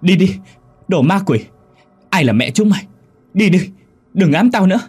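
A panicked young woman, played by a male narrator in a spoken horror story, shrieking high and loud. Her voice is frantic and strained, and she stammers in fear. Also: lively intonation, normal speed, husky, faint music behind. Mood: terrified shouting. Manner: frantic, shouting. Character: terrified young woman, shouting at ghosts.

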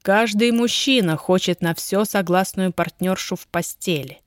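A woman voicing a wealthy young husband, ardent but guarded, in a slow, low, even delivery. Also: no room sound, clean studio sound, natural voice. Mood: low, measured.

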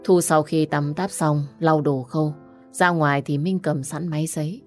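A woman narrating a dramatic audio story at a steady pace. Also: low voice, a little slow, soft background music.

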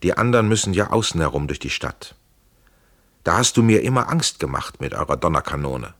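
A man voicing a bold, defiant fugitive soldier who speaks in a forceful, blunt, commanding way. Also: low-pitched, big pitch swings, brisk, heavily acted. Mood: resolute.

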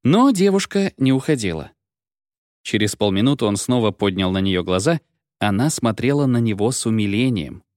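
A man narrating an audiobook in an expressive storytelling manner, close to the mic. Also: on the low side, moderate pace, no room sound. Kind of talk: scripted narration.

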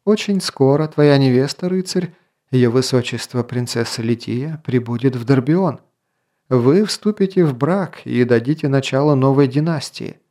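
A man's voice: medium pitch, lively intonation, normal speed, warm tone, lightly acted. A man voicing a solemn, commanding elf sage. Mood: persuasive.

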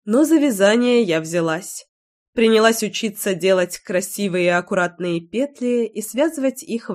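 A woman narrating a first-person novel as an audiobook, her voice at an ordinary pitch. She reads with lively, emotional expression and flares up sharply in the heated moments.

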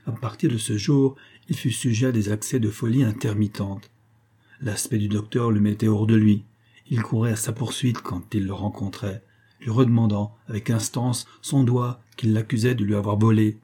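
A man reading a tale as an audiobook in a measured, steady way. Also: on the low side, breathy edge. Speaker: audiobook reader.

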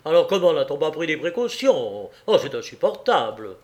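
A man reading the part of an irritated older male traveller, complaining quickly and indignantly. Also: fairly high pitch, sing-song.

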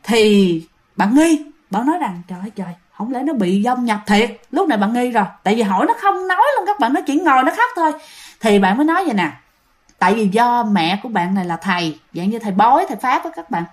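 A woman's voice: fairly high pitch, big pitch swings, quick pace. A woman with a Southern Vietnamese accent telling ghost stories in a chatty way, often repeating herself and speaking directly to listeners. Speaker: storyteller host. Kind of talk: casual ghost story telling.

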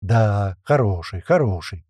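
A man voicing a flustered male mechanic who shouts and pleads over his unruly parrot. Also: medium pitch, lively intonation, normal speed, no echo, close to an everyday voice. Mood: shouting.

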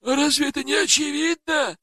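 A man's voice: brisk, sharp tone, no echo, clean studio sound. A man doing a haughty young woman adventurer. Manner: purring, coquettish falsetto. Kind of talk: audiobook character voice.

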